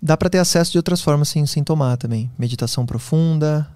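A man being interviewed as a guest on a podcast, telling personal stories in an animated, casual way. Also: fairly high pitch, dry recording. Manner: fast, animated storytelling.

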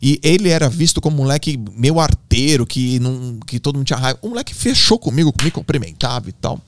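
A man's voice: medium pitch, animated, fast, a little hiss or hum. A man from Brazil with a Brazilian accent, a podcast guest telling emotional stories in a slangy, acting-out way. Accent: Brazilian Portuguese. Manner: emotional, acts out voices, slangy. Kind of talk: animated storytelling in conversation.

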